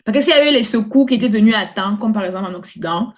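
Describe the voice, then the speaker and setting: Lively, teasing woman podcast host. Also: mid-range voice, very fast, lo-fi sound. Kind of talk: casual chat.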